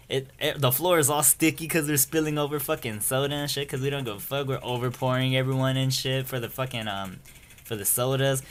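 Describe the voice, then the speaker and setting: Young man, mid pitch, loose slangy storytelling, profane and rambling. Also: fairly bright tone, a little hiss or hum. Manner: rambling, slangy and profane, keeps saying "you feel me". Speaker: storyteller vlogger. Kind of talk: casual story time.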